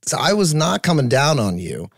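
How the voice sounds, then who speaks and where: A man's voice: on the high side, very animated, moderate pace, gravelly, dry recording. Man explaining himself, dry and close. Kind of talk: casual chat.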